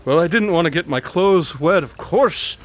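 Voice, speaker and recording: An actor playing Holmes, a smug, unflappable and eccentric detective with a breezy, pedantic manner, in a radio drama. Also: male voice, fairly high pitch, animated, normal speed, lightly acted. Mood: nonchalant. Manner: breezy, self-assured, pedantic.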